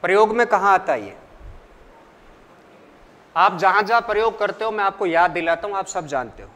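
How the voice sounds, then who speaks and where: High-voiced teacher in an echoey room. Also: male voice, lively intonation, a bit bright. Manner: asks the class questions and answers them himself; slow, deliberate explanation. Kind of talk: classroom lecture.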